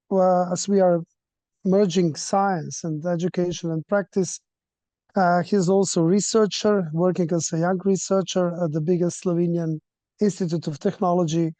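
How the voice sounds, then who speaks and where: A man moderating a seminar, introducing the next speaker in a halting, self-correcting way. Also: high voice, warm tone, dry recording.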